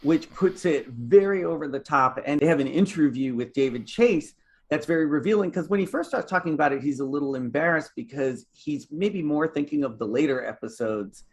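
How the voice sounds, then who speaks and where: A man's voice: fairly high pitch, lively intonation, fairly quick, breathy edge. A man hosting a podcast, chatting casually and enthusiastically and steering the talk to the next topic. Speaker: podcast host. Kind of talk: casual chat.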